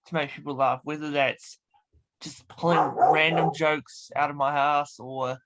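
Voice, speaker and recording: Higher-voiced man hosting a radio interview. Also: fairly even intonation, unhurried, very noisy. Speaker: radio show host.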